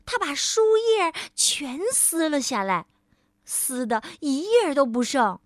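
A woman storyteller reading a picture book aloud to a child, gently addressing the listener as darling. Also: high-pitched, sing-song, slow, no room sound, clean studio sound.

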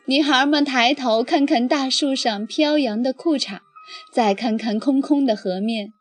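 A woman reading a children's story aloud as storyteller, expressive and lively. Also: sits high, unhurried. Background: faint background music.

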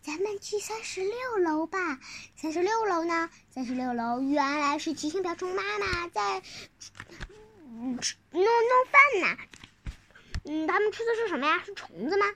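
A child telling a picture-book story informally, halting, repeating words and asking the listener questions. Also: extremely high pitch, animated, fairly bright tone.

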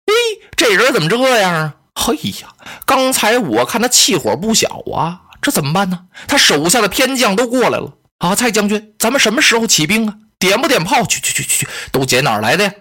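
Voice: mid-range voice, big pitch swings, brisk, few pauses, sharp tone. A storyteller voicing a sly, blustering male general who fawns over his lord while plotting. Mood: irritated. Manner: fawning toward his lord, crafty. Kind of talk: traditional storytelling.

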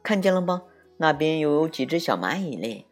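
A man's voice: a little high, big pitch swings, normal speed, faint music behind, voice pushed up. A man voicing Zoff, a cheerful, bouncy young friend who comforts others with sing-song reassurance, in a children's story.

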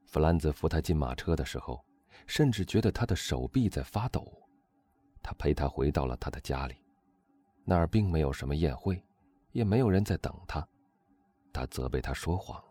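A man narrating a novel as an audiobook, telling the story in a steady, expressive way. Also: a bass voice, moderate pace, dry recording.

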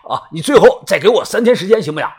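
Male narrator as a wheedling fat debtor, stammering and quick, husky tone, audiobook. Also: medium pitch, big pitch swings, fairly bright tone, pitched below the performer's own voice, exaggerated voice. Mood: panicked. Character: fawning stammering fat male shop owner in debt. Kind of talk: audiobook storytelling.

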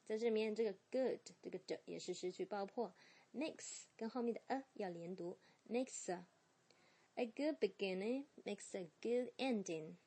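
A woman teaching English pronunciation in Chinese, slowly and deliberately, repeating each word as a drill. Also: mid-range voice, warm tone, husky. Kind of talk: bilingual pronunciation lesson.

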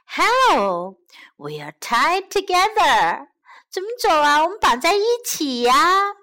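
A woman's voice: sits high, sing-song, slow pace, sharp tone, voice pushed up, heavily acted. A woman voicing a timid small mouse that pleads anxiously in a children's storybook. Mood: tired begging. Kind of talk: bilingual children's storybook reading.

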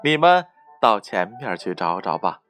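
A man voicing a kindly mother goose who answers loudly and helpfully, with faint music behind. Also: fairly low pitch, big pitch swings, measured pace.

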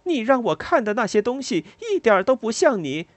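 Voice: mid-range voice, sing-song, a little slow, dry recording, pitched above the performer's own voice. Reader voicing Lila, a bitter, cutting woman. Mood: shouting. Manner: cutting and resentful, breaking into sobs. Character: bitter, sharp-tongued adult woman friend.

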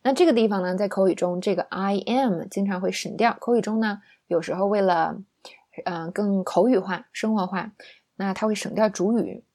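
A woman's voice: medium pitch, normal speed, a little mellow. A young woman teaching an English lesson in a chatty, playful way, often asking her listeners rhetorical questions.

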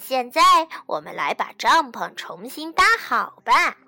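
A woman's voice: a little high, very animated, unhurried, creaky, bright, forceful tone, no echo, soft background music, heavily acted. A woman voicing a stern but kind male camp teacher in a children's story.

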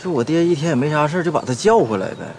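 A quick-talking farm son. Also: male voice, a little high, animated, a little mellow, a little hiss or hum. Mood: defensive. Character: busy rural son.

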